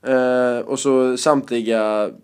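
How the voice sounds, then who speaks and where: A male stand-up comedian being interviewed, telling lively anecdotes in casual chat and often laughing. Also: medium pitch, smooth.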